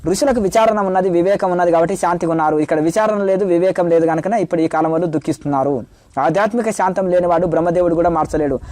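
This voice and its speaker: A man's voice: high voice, rapid-fire, warm tone, no room sound. A middle-aged man, a spiritual teacher, answering questions in a preachy way and rattling off lists of virtues.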